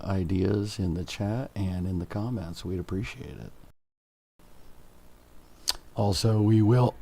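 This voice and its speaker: A man with a croaky voice producing a live stream, reading viewer questions and announcements and clearing his throat often. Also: on the low side, darkish tone.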